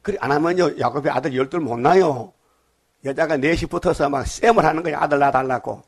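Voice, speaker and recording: An older man preaching at a dawn service, folksy and lively, quizzing his listeners and acting out scripture scenes. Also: fairly high pitch, fast, breathy edge. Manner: lively, folksy, asks the congregation questions; acts out scripture dialogue in dialect. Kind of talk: dawn sermon.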